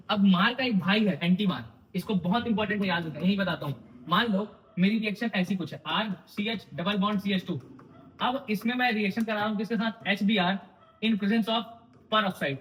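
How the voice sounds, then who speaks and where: A man's voice: sits high, fairly bright tone. A young man giving an exam-prep chemistry lecture, quizzing his students and answering his own questions in a teasing, informal way. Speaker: chemistry teacher.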